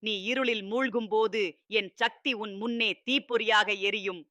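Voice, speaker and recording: A man voicing a loving fatherly god who speaks to his child in a scripted devotional address, solemn and tender, with steady repetitive reassurances. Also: high voice, normal speed, no room sound, highs cut off.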